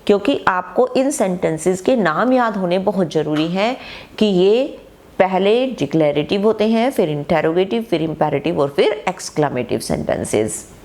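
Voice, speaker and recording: A woman teacher giving an online grammar lesson, who explains slowly and reads her example sentences aloud with emphasis. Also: on the low side, lively intonation, a little mellow.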